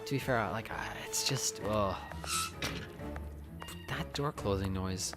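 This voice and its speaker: A man's voice: fairly low pitch, a little slow, a bit bright, soft background music. A man casually commentating on a game as a streamer, joking, sarcastic and often swearing.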